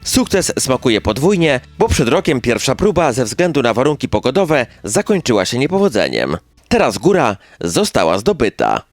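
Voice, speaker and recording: A man's voice: mid-range voice, very animated, normal speed, no room sound. A man reading a scripted local news narration in speech, as a chronicle announcer. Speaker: newsreel narrator. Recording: music bed behind the voice.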